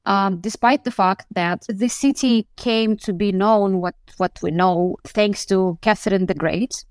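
This woman's mid-range voice is smooth with a darkish tone, and she talks a little slowly over a dry remote-call recording. She's a foreign correspondent giving an interview answer on a news podcast, feeling her way through it thoughtfully with frequent restarts.

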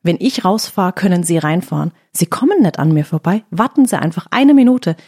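A woman's voice: lowish voice, expressive, fairly quick, dark tone, husky. A woman telling a story in casual chat, quoting her own words as she goes.

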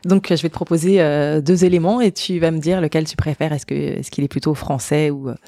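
A woman hosts a podcast and puts friendly questions to her guest, with a few hesitations and soft laughs. Her voice is mellow and warm. The sound is dry and close. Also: deep voice, fairly even intonation, brisk, no echo. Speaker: podcast host. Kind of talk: interview questions.

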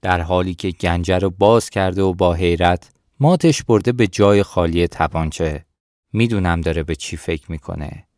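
Male audiobook narrator, low pitch, dry close sound, steady first-person read. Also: no echo.

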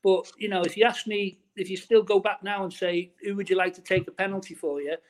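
Chatty ex-footballer, fairly high voice. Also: male voice, fairly even intonation, brisk. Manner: chatty, many restarts and fillers. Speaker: interviewee, former footballer. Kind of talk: casual interview, reminiscing.

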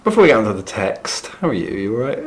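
A man's voice: fairly low pitch, sing-song, fast. A man co-hosting a podcast, talking through a play's history in casual chat with dry, mock-serious jokes. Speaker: podcast co-host. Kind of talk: casual chat recapping a play.

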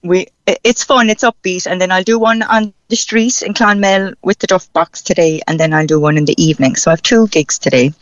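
A woman's voice: lowish voice, brisk, few pauses, dry recording. A woman with a Cork accent, chatting in an upbeat, colloquial way as a musician interviewed on a radio phone-in. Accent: Cork Irish. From Cork, Ireland. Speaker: musician, street performer being interviewed. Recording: dull, band-limited phone call.

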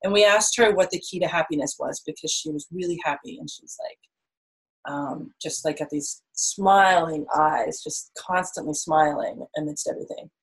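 Low-voiced woman, reflective and rambling. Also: normal speed, breathy edge, poor audio. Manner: rambling, reflective, with many fillers. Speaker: interview guest. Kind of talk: casual conversational interview.

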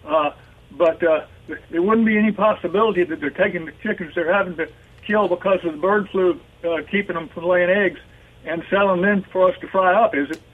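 A man calling in to a radio show on a speakerphone, asking a question in a halting way with many fillers. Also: high voice, breathy edge. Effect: phone speaker sound over a phone line. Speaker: radio call-in caller. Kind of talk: casual call-in question. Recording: tinny speakerphone line.

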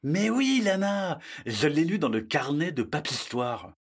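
A woman voicing a confident young boy in a children's audio story, with a somewhat low, husky voice. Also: sing-song, a little slow, heavily acted. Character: confident boy cousin, know-it-all.

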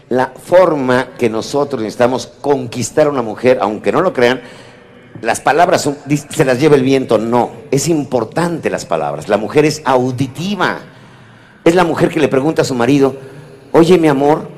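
A man giving a humorous motivational lecture to a live audience, teasing and talking straight to his listeners. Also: medium pitch. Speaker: motivational speaker.

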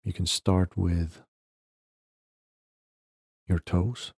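In this guided meditation, a podcast host's very low, mellow voice barely shifts in pitch and carries a breathy edge. His gentle, short cues come slowly, with long gaps between them. The sound is intimate and dry, with no echo or surrounding room.

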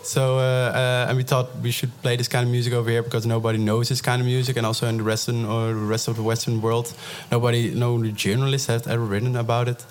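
A man's voice: medium pitch, level tone, fast talker, few pauses, slight background noise. A man, a DJ and producer guest, talking casually and rambling with lots of fillers. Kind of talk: casual interview chat.

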